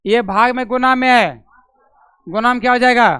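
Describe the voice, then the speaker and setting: A man's voice: very high-pitched, steady tone, normal speed, bright, forceful tone, clean tone, no room sound. A man teaching physics to a classroom of students, questioning them, repeating each step aloud and calling on them by name, with a Bihari Hindi accent. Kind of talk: classroom lecture.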